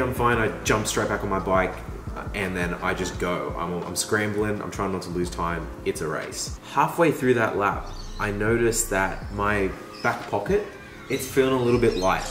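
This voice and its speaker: A vlogger narrates his race in a voice-over, telling a chatty, self-deprecating story while feeling under the weather. His voice is deep, a bit bright, and nasal, with roomy sound and music underneath.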